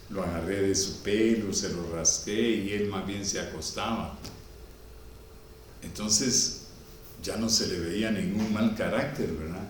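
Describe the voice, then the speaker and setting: A man preaching a sermon with a Guatemalan Spanish accent, swinging from loud exclamations to quiet storytelling. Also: lowish voice, distant mic. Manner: preachy, rises to loud exclamations then drops to soft storytelling. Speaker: pastor. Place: church hall. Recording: echoey room, speaker off-mic, faint background noise.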